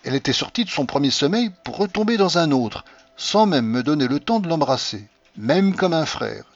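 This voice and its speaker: Husky guy reading an old novel out loud, lively pitch, dull lo-fi sound. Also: fairly quick, no room sound. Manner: expressive storytelling reading. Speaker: audiobook narrator. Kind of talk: scripted literary narration. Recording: dull lo-fi audio.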